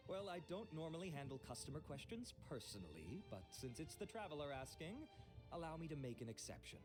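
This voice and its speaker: A gracious, polished skincare merchant in a video game, whose slightly raised voice rises and falls with an animated lilt. He sells with smooth courtesy. Faint game music runs underneath. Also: fairly high pitch, fairly quick. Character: suave, courteous male skincare maker and merchant. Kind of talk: video game character dialogue. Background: game soundtrack.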